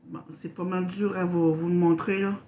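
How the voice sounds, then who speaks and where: A woman from Quebec with a Québécois accent, hosting a casual unboxing vlog, halting and apologetic, full of fillers and restarts. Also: lowish voice, little pitch movement, dark tone, slight background noise. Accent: Québécois French. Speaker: channel host.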